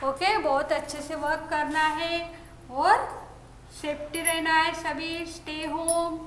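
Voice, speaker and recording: A woman teacher giving an online phonics lesson to small children, drawing out syllables slowly and repeating sounds, mixing in phrases. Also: extremely high pitch, level tone, a bit bright, roomy sound, a little hiss or hum. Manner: mixes Hindi with English phrases. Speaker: kindergarten teacher.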